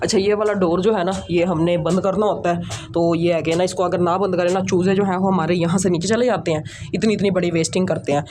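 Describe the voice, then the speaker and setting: A man's voice: high-pitched, steady tone, quick pace. A man from Pakistan with a Pakistani Urdu accent, chatting casually to the camera as he tends his birds. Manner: chatty, repeats filler phrases, talks while handling birds. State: out of breath after climbing stairs. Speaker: bird breeder vlogger. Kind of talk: casual walk-through vlog. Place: rooftop bird setup, outdoors. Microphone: handheld camera held in one hand.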